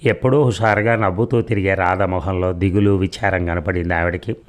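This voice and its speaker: A man narrating a serial audio story in a steady storytelling manner. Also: deep voice, a little fast.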